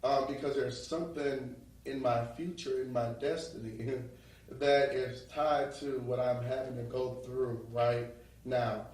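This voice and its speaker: A motivational guest from New Orleans, speaking with a New York accent, gives an interview in a mid-range, steady, slightly slow and mellow male voice. He's emphatic and preacherly, often asking "right?" to make sure listeners follow. The mic is distant and the room very echoey.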